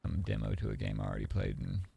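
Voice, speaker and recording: A man streaming, chatting casually in a relaxed, rambling way and swearing freely. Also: a bass voice, fast talker, vocal fry, breathy edge, dull audio.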